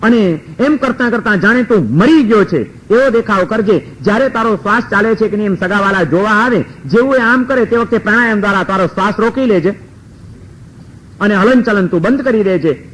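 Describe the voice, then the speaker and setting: High-voiced man telling a sermon story. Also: fairly quick, poor audio. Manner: lively, animated storytelling. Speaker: preacher.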